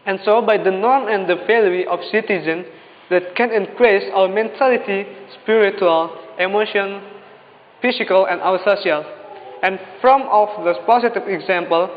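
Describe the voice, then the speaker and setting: A man's voice: high voice, moderate pace. A young man with an Indonesian accent delivers a memorized competition speech in a formal, declamatory, exhortative manner. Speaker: speech contestant. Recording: dull lo-fi, echoing hall, faint noise.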